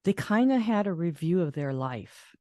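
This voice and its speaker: An older woman host telling a personal caregiving story in a soft, reflective way, restarting her sentences as she goes. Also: on the low side, very animated, moderate pace, no echo, studio quality. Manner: reflective, soft-spoken with frequent laughs and restarts.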